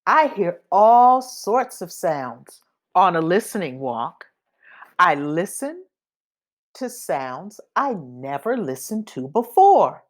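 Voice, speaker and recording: In this read-aloud of a children's storybook, the reader's pitch rises and falls dramatically as she voices the sound effects. She speaks very slowly and carefully, pausing deliberately between phrases for her young audience.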